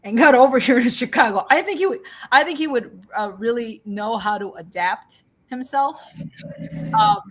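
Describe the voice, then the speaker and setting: At a moderate pace and a fairly high pitch, a woman runs a livestream full of casual chatter. She laughs often, repeats herself as she rambles, and alternates between English and Spanish.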